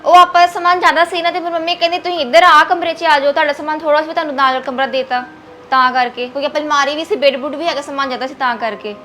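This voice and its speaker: Casting: a woman as a polite, eager-to-please young bride, high and quick, music behind. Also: steady tone, fairly bright tone. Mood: explaining. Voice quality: polite, explaining, meek. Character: mild, eager-to-please young sister-in-law. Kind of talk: short film acting. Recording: acted scene with music behind.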